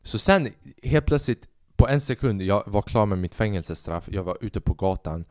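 A man's voice: on the low side, animated, a little mellow, no echo, clean studio sound. A man in his twenties hosting a solo podcast, rambling restlessly, swearing often and mixing in English phrases. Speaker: podcast host. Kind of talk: casual solo monologue.

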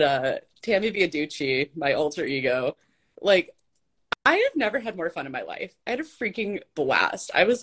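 A woman from Arkansas, hosting a podcast in casual chat, self-deprecating and laughing often. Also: low voice. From Arkansas, US South.

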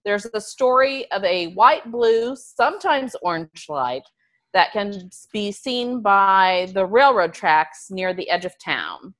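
A woman tells stories in a casual, conversational way. Her medium-pitched voice moves up and down in an animated fashion. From Ozarks, USA. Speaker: podcast storyteller. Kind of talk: casual storytelling from notes.

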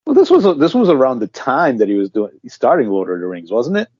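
A man's voice: mid-range voice, wildly swooping pitch, fast talker, darkish tone, slightly rough, dry recording. A man co-hosting a podcast with casual banter about a film. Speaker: podcast co-host. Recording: dry, slightly dull audio.

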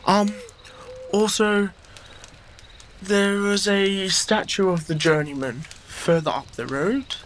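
A man's voice: high voice, a bit bright, a little hiss or hum. Hesitant man playing a tabletop game. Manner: hesitant, halting, with fillers. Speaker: player. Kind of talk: tabletop role-play chat.

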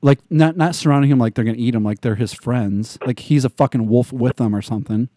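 Profane ranting man, dark dry voice. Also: mid-range voice, fast talker, no echo. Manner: heavy swearing, mocking impressions. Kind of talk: casual profane rant.

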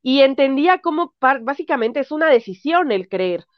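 A woman's voice: sits high, animated, moderate pace, dry recording, muffled recording. A woman, a guest chatting casually from her bed at home, full of fillers. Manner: chatty, laughs often, fillers like "este". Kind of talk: casual chat.

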